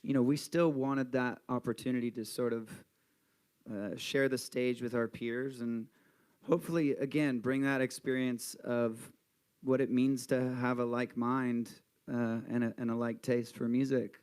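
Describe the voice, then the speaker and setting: A man's voice: mid-range voice, measured pace, clean tone. Chill band guy talking in an interview, lots of ums. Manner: relaxed, rambling, many fillers. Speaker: band member. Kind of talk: casual interview chat.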